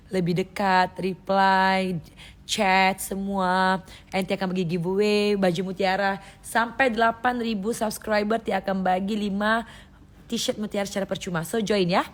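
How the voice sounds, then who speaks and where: A woman from Indonesia chatting on a live stream, lively and loose, who laughs often. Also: medium pitch. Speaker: livestream host. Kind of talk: casual live-stream chat. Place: indoors, live stream from a phone.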